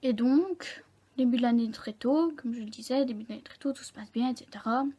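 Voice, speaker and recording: Mellow-voiced young woman telling her story. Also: a little high, slightly rough. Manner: candid, halting, full of self-corrections. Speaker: vlogger. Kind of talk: personal storytelling to camera.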